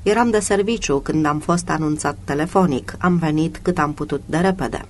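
A reader voicing a male police inspector who sounds sad and apologetic, talking slowly and quietly in an audiobook. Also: medium pitch, slight background noise, natural voice. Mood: subdued.

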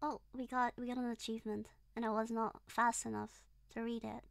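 Speaking a little high and briskly with a flat delivery and vocal fry, a young woman streams a horror game as a virtual streamer, with no echo on her voice. English is not her first language, and her accent shows it. Over game music she reads chat and talks with viewers, shrieking and giggling at the scares.

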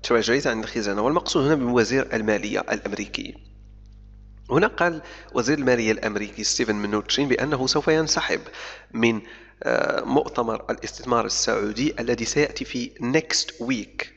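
A man teaching English who reads a news article slowly, word by word, then explains it in Arabic, pausing often and correcting his own slips. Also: medium pitch, creaky, a bit bright. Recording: dull lo-fi sound with long reverb.

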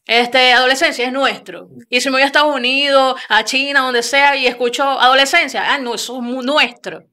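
A young Venezuelan woman hosts a studio chat, talking in a lively, animated storytelling way with lots of repeats. Her voice is bright, smooth and a touch high, close on a desk mic. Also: brisk. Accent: Venezuelan Spanish. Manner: lively storytelling with many repeats and hand gestures. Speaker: radio host. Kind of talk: casual interview talk. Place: small studio with screen backdrop.

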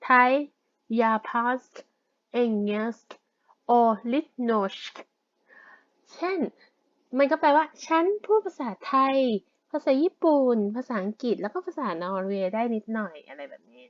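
A woman teaching a language lesson in a relaxed, casual way, explaining words one at a time. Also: a little high, normal speed, dry recording, lo-fi sound.

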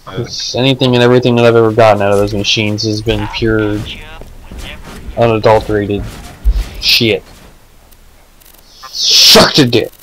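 A man's voice: fairly low pitch, flat delivery, moderate pace, long pauses, low-quality recording. A man chatting casually while playing a video game, rambling with lots of fillers and swearing. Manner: rambling, filler-heavy, profane. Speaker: gamer. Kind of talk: casual let's-play chat.

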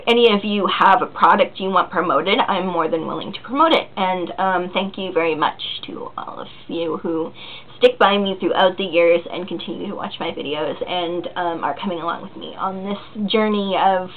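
A woman's voice: on the low side, normal speed, slight background noise. A woman in her early twenties chatting casually as a vlogger answering viewer questions, rambling and giggly with lots of ums and likes. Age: 20s. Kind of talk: casual chat. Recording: tinny phone-like recording.

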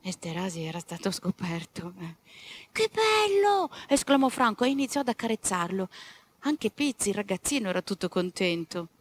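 A woman reading a children's story aloud with lively, chatty asides to her young audience. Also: lowish voice, a little fast. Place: former convent venue.

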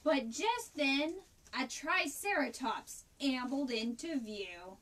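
Slow high-voiced librarian reading. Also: female voice, lively intonation, a bit bright, far from the mic. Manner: friendly, talks to children directly. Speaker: librarian hosting story time. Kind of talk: reading a picture book aloud.

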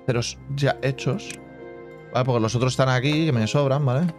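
A man's voice: mid-range voice, a little fast, faint music behind. A man casually commenting on his own gameplay as a channel host, thinking aloud and humming little sound effects. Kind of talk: casual let's-play commentary.

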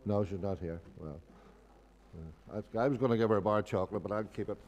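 A man's voice: fairly low pitch, quick pace, darkish tone. A middle-aged man with a Northern Irish accent, giving informal church announcements at a lectern microphone. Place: indoor church hall at a lectern. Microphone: gooseneck lectern microphone. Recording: reverberant church hall.

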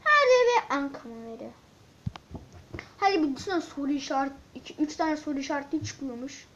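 A high-pitched woman chatters through a let's-play, quick to get excited and quick to grumble at the game. The sound is dull and lo-fi, with a faint hiss and clicks underneath. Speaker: gaming channel host. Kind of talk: casual let's-play commentary.

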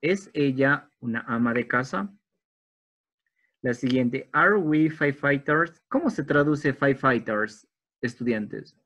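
A man teaching an online English class, explaining grammar step by step in a patient way and slowing down for the English examples. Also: mid-range voice, lively intonation, fairly bright tone, lo-fi sound. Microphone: video call.

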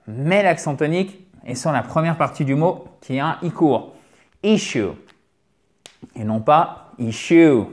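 A man teaching English pronunciation at a board. He talks lively, calls his viewers dear friends, and slowly repeats English words to model each sound. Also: on the high side. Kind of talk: explaining a lesson at a board.

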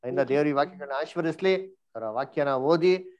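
A man's voice: fairly high pitch, moderate pace, darkish tone, lo-fi sound. A man teaching an online Bible study class, quizzing the group and mixing English words into his speech.

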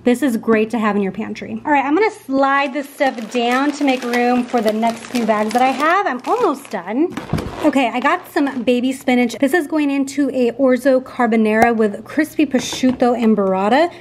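A woman vlogger in her thirties narrates casually and cheerfully, speaking straight to her viewers. Her voice sits a little on the high side. A faint hiss runs under the home kitchen recording. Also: normal speed. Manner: chatty, upbeat, talks to viewers directly. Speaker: lifestyle vlogger. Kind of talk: casual grocery haul narration.

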